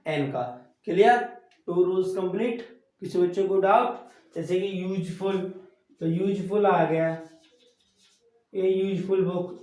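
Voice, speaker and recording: A man's voice: sits high, darkish tone. A male tutor with a Hindi accent explaining a grammar lesson step by step and checking that his students follow. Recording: echoey room from far off.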